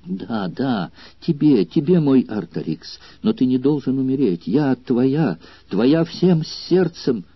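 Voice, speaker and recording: A man's voice: mid-range voice, big pitch swings, takes it slowly, slightly rough, no echo, muffled recording, pitched above the performer's own voice, heavily acted. A man voicing a passionate, desperate young woman lover in an audiobook, speaking in a raised, urgent, pleading voice.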